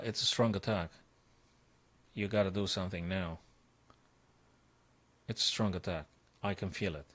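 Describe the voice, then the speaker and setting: A man with a very low voice talks his way through chess puzzles on a live stream. He thinks aloud in short bursts, repeats phrases and breaks into excited outbursts. He sounds like a coach working out each move in real time.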